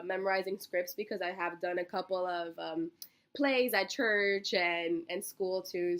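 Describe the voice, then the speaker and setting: An American college student in her early twenties from Miami, Florida, answers casual phone interview questions as an eager job candidate. Her medium-pitched voice is bright and forward, and she is bubbly, effusive, giggly, and chatty.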